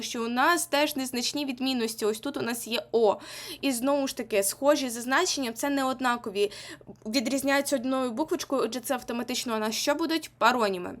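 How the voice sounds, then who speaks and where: Young female teacher with a Ukrainian accent, high voice, patient and repetitive, exam-prep lesson. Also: a little fast, fairly bright tone. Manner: explains patiently, repeats key points, asks "так?".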